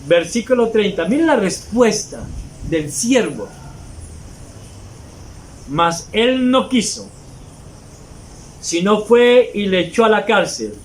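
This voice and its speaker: A man's voice: sits high, expressive, slow, long pauses, slight background noise, rough recording. A man preaching a sermon as pastor, emphatic and mocking hypocrites in mimicked asides.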